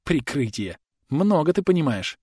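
A man's voice: mid-range voice, sing-song, fairly quick, no echo, studio quality. A man voicing a cheeky young woman who plays a mock-servile maid and then snaps back sharply. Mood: scornful. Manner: sly mock-submissive, then sharp and whining.

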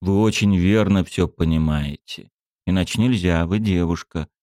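Man playing a sly young man, soft and patronizing, a bit lower, dry sound. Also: moderate pace, dry recording, close to an everyday voice. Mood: smooth.

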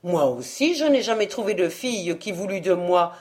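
A woman reading an audiobook, voicing a gruff, cursing drunken peasant man who blusters loudly. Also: animated, moderate pace, close to an everyday voice. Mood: musing. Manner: loud, blustering, low.

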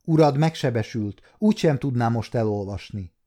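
An adult man voicing a calm, matter-of-fact royal physician. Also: mid-range voice, close to an everyday voice.

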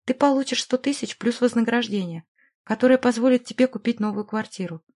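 A woman's voice: on the high side, brisk, darkish tone. A woman voicing a scheming, condescending middle-aged businessman in an audiobook, with a conspiratorial tone. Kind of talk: audiobook character voice.

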